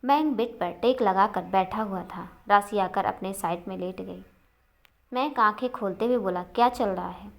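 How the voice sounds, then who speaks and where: A woman storyteller giving a steady, even scripted narration of a love story. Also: mid-range voice, normal speed, creaky.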